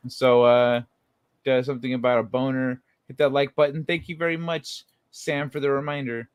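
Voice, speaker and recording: A man's voice: mid-range voice, little pitch movement, normal speed, clear, resonant tone, no echo. A young man hosting a late-night livestream, chatting in a laid-back, rambling way and laughing often. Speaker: livestream host. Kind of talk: casual late-night chat.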